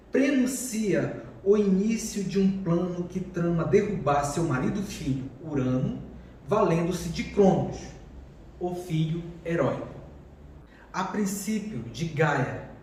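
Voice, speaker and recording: A man storyteller narrating a myth in a slow, measured way, stretching key words. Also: fairly high pitch, darkish tone. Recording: very echoey room, distant mic, faint noise.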